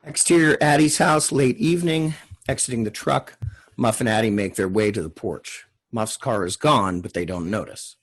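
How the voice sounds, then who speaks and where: A man leading a table read narrates screenplay stage directions in clipped, scripted phrases. His husky voice sits on the low side and moves at a moderate pace.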